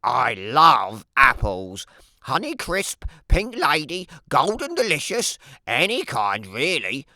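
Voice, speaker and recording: In an animated children's read-aloud, a woman voices a sly, hungry, wry male wolf telling his own story, using dramatic emphasis and playful asides. She speaks in a very deep voice, slowly and heavily acted, with no room sound.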